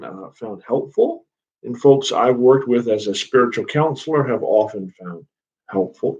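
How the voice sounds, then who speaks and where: A spiritual counselor, a man with a mid-range voice, gives guided meditation instructions in a calm, measured, gently inviting way. The audio has its highs cut off.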